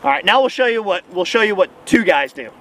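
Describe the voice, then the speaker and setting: A man's voice: high voice, sing-song, quick pace, vocal fry, fairly bright tone. A man giving casual, emphatic instruction as a hunting coach, often repeating phrases for stress. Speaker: goose-calling instructor and hunter. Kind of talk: casual instructional talk to camera. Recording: outdoor hum and faint vehicle noise.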